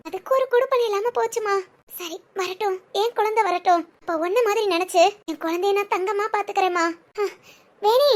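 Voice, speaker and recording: Super high-pitched woman doing all the voices in a doll-video family drama, fussing and crying out. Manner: emotional, fussing, with cries of alarm. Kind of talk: voicing every character in a doll-video village drama.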